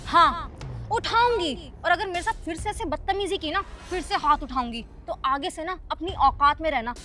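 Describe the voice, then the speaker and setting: A woman's voice: very high voice, lively intonation, normal speed, bright, forceful tone, faint music behind, exaggerated voice. A woman acting as a hot-tempered wife in a short drama, scolding her husband and later begging him to stay. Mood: angry scolding. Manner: scolding, then pleading. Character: hot-tempered young wife, proud then pleading. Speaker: angry wife. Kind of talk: scripted web short drama.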